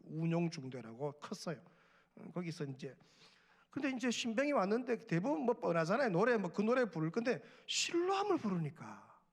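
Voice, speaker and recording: A middle-aged man preaches from the pulpit in a high voice. His tone is earnest, and he drops to near-whispers before lifting into urgent exhortation. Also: sing-song, moderate pace, husky. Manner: earnest preaching, swings from hushed murmurs to raised exhortation. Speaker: pastor. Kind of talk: sermon at a Friday prayer meeting.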